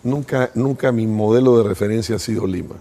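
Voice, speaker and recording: An older man tells stories from his past as an interview guest. His voice sits low and dark, with a gravelly, husky texture. He talks in long, thoughtful first-person reflections. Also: brisk. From Peru. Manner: thoughtful, reminiscing, speaks in first person at length.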